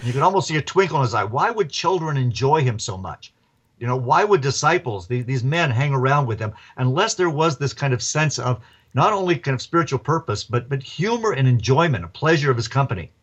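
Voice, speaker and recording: A man, an author and professor, telling stories as a radio interview guest in a lively, chuckling way. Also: mid-range voice, a little fast, slightly rough, lo-fi sound.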